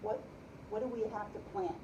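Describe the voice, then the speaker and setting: A female teacher leads a question-filled storytime, reading a picture book aloud to preschoolers and repeating their replies back with approval. She speaks briskly at a medium pitch with fairly even intonation. The lo-fi recording carries background noise and has a roomy sound from a far-off mic.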